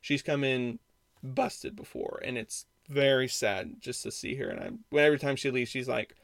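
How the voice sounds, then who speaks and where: A man's voice: mid-range voice, normal speed, gravelly, a bit bright, no room sound. Rambling male podcaster, dry sound. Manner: rambling, frequent restarts and self-corrections. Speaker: podcast host. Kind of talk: casual storytelling monologue.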